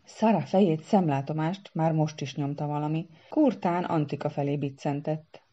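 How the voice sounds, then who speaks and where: A woman narrating a storybook tale in an expressive reading manner, on a dull lo-fi recording. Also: sits low. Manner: animated reader doing character voices. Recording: dull lo-fi sound.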